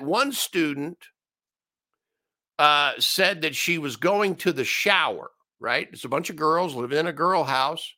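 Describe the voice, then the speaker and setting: Host, male, sarcastic ranter, gravelly fry, pitch swings all over. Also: sharp tone. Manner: sarcastic, ranting, mocking asides. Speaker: commentary show host. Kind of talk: opinionated solo commentary.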